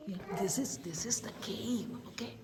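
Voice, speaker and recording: A woman's voice: on the high side, very animated, slow, over a noisy crowd. A woman touring a cave, chatting casually to a child in short, admiring, repeated remarks. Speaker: tour visitor talking to a child. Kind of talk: casual chat while sightseeing. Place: inside a cave on a group tour. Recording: clearly noisy handheld recording in cave.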